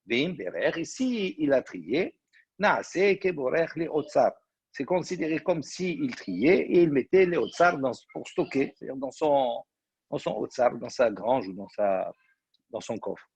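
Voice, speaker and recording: A man, a rabbi, teaching a Talmud study class. He explains step by step and reads Aramaic phrases slowly before translating them. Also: medium pitch, very animated, a little mellow, slightly rough, no echo. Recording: dull lo-fi recording.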